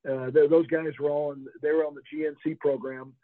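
This is a fairly high, fairly quick male voice with little pitch movement and no echo. He's an older Floridian and former college football player, laughing often as he rambles through interview stories. The audio is dry and tinny, like a phone line.

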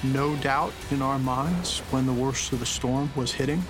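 A man's voice: medium pitch, a little slow. A man in military service explaining and recalling events in a documentary interview. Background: music.

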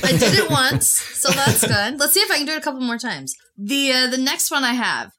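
Bright, fairly high woman, casual podcast quiz host, playful. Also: big pitch swings, brisk. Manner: playful quizmaster, explains at length. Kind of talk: casual group chat.

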